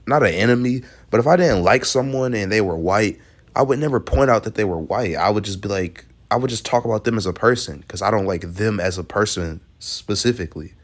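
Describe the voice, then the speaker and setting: A man hosting a reaction video, talking casually and bluntly, swearing freely and laughing often. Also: fairly low pitch.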